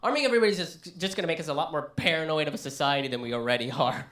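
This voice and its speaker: A male comedian doing a live stand-up set in a small listening room, ranting and animated. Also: a little high, very fast, echoey room.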